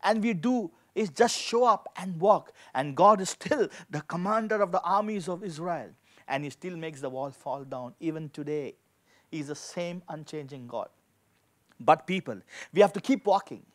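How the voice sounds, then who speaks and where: This pastor, a man in his forties, preaches with emphasis and repeats key phrases to drive them home. His fairly high voice has lively intonation and moves at normal speed. The sermon, which includes scripture and prayer, is given at a lectern in a dark-backdrop indoor studio into a handheld microphone.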